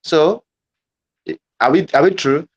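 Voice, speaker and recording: A man with a slightly raised pitch leads a live online lesson demonstration. He talks haltingly, often restarting and repeating phrases as he works out the wording. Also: muffled recording. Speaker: guest presenter. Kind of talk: live online teaching demo.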